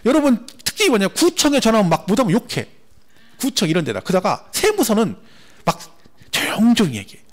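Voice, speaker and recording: A man lecturing a class on tax law for an exam, animated and repetitive, asking the students rhetorical questions. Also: high voice, a little fast.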